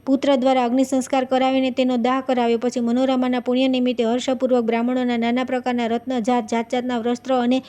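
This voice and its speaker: A woman recites a devotional scripture story in an even, unhurried reading tone. Her voice sits a little high yet sounds soft and mellow, and she keeps an almost level pitch from phrase to phrase, slipping now and then on a word. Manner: steady recitation, occasional stumbles and fillers. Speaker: scripture reader.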